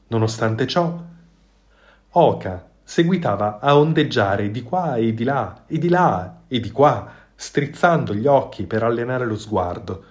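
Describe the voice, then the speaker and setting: A man reading a children's storybook aloud in a calm, measured way. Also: lowish voice.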